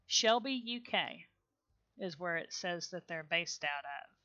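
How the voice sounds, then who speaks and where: A woman's voice: lowish voice, animated, a little slow, pushed and bright, muffled recording. A woman with a Southern US accent, streaming a game in casual commentary, chatty and rambling, muttering to herself and laughing often.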